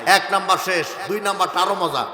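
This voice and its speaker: Preacher guy, high bright voice, half singing his sermon, big echoey hall. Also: fast talker, a faint crowd. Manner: impassioned chanting preacher, breaks into melodic singing and rhymes. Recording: echoey hall with long reverb.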